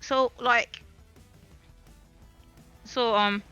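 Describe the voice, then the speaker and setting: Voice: mid-range voice, steady tone, very slow, sharp tone, clean tone, highs cut off, soft background music. A streamer in casual gaming chat, rambling to themselves and swearing freely, recorded on a laptop mic. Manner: rambling, self-talking, swears a lot.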